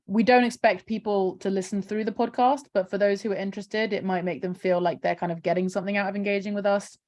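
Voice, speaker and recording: Speaking fast in a slightly mellow, medium-pitched voice with fairly even intonation, a woman campaigner for a charity chats through a screen-share walkthrough. It's a casual video call interview, and she leans heavily on "um" and "kind of."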